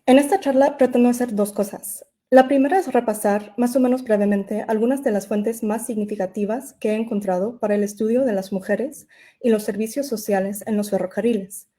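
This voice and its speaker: This woman, not a native Spanish speaker, delivers a prepared academic lecture as a guest speaker, speaking carefully and deliberately with the odd self-correction. Her pitch is a little high, her intonation fairly even, and her tone mellow.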